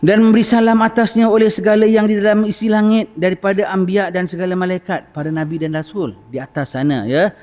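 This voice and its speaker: Seorang lelaki berloghat Malaysia menyampaikan kuliah agama di masjid, bercerita dengan bersemangat dan menghidupkan dialog. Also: male voice, high-pitched, a little fast, few pauses. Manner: animated, acts out dialogues, frequent "ha?". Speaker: religious lecturer. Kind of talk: mosque sermon lecture. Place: mosque. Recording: long reverb of a mosque hall.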